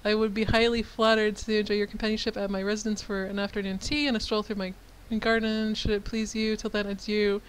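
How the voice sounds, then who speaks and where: A woman voicing a formal, courteous male Victorian vampire gentleman, reading his flowery old-fashioned letter aloud in a game. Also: medium pitch, flat delivery, brisk, few pauses, slight background noise, natural voice, poor audio. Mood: courtly.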